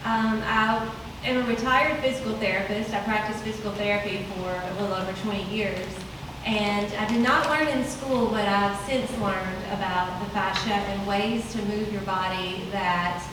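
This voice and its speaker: A woman's voice: medium pitch, steady tone, normal speed. 40s woman from west tennessee explaining stuff on a panel, far mic, big echo. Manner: explanatory, flowing. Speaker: fascial stretch specialist on a panel. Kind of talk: panel introduction. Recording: very echoey room, distant mic, noisy.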